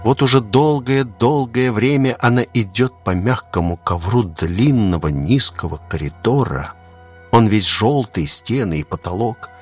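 Low-voiced man slowly narrating a novel. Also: husky, faint music behind. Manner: slow, measured reading. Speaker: audiobook narrator.

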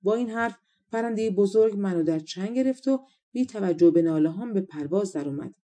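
Woman reading a fairy tale audiobook, very dark mellow voice, calm and even. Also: medium pitch. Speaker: audiobook narrator. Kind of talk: storybook narration.

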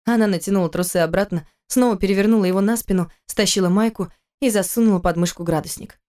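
A woman narrating an audiobook story in a steady, even reading voice. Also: mid-range voice, fast.

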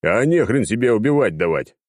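A man's voice: lowish voice, sing-song, a little fast, a little mellow, dry recording, studio quality, pitched above the performer's own voice. A man reading the part of a brash male ex-ninja inquisitor who is indignant and mocking.

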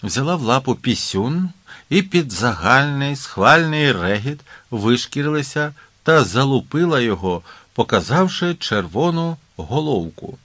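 A man reads an audiobook aloud with a lively voice that rises and falls a lot. The sound is close and dry, with no room around it. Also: medium pitch, measured pace, no echo. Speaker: audiobook reader. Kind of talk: audiobook narration.

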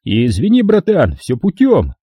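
A man's voice: on the high side, wildly swooping pitch, a little slow, dark tone, breathy edge, dry recording, studio quality, heavily acted. A man voicing a snarling drunk gang leader. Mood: menacing. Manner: snarling, threatening, crude.

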